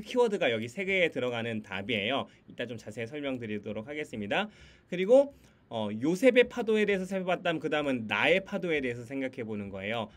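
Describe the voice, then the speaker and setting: A man's voice: mid-range voice, a bit bright. A man on a video call walking teachers through a children's Sunday school lesson and quiz games, laughing often and teasing in a playful game voice. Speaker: Sunday school curriculum presenter. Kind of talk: online teacher training. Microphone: computer mic on a video call.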